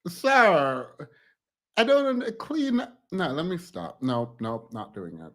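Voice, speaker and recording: A man's voice: fairly high pitch, wildly swooping pitch, takes it slowly. A man making casual reaction commentary, laughing through incredulous asides. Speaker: reaction streamer.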